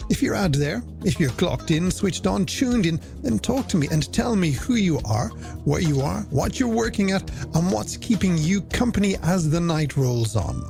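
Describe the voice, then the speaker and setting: An Irish man presents a late-night music radio show over a music bed, polished and theatrical, full of flowery phrasing and rhetorical questions. His voice is high and creaky.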